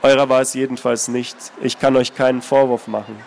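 A man reading aloud and voicing a mysterious, weary old man with a low, rustling voice. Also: flat delivery, a little fast, gravelly, a little mellow, a little hiss or hum, natural voice.

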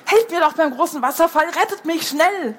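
A woman's voice: very high-pitched, animated, slight background noise, pitched above the performer's own voice. A woman reading a storybook aloud and voicing a jumpy, anxious young male otter shifter. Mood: panicked. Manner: hurried, nervous.

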